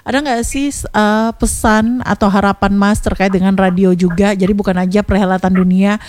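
A young adult woman hosting a radio interview in a studio, bubbly and encouraging with soft hums. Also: mid-range voice, steady tone, normal speed. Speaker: radio host.

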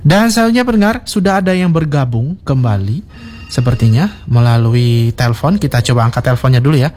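A man hosting a call-in radio program, taking listeners' calls with a polite, steady manner. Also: mid-range voice, brisk, slight background noise. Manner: polite, steady, frequent "oke, baik". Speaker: radio host.

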